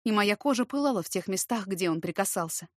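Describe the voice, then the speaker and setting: A woman reading a novel aloud as a first-person narrator, steady and expressive. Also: mid-range voice, quick pace, no echo, clean studio sound. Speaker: audiobook narrator.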